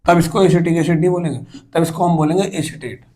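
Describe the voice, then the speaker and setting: A man teaches chemistry in a fairly high voice. He keeps asking his students questions and counts aloud, step by step, as he draws. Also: quick pace, warm tone, low-quality recording. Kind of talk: classroom lecture.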